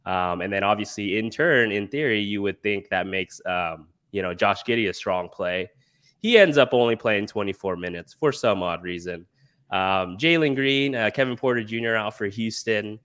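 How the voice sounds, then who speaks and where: A congested man with a nasal sound rambles through frustrated sports fantasy analysis, heavy on filler words. His lowish voice moves at a moderate pace and comes across a bit bright, clear and resonant in this casual analysis chat.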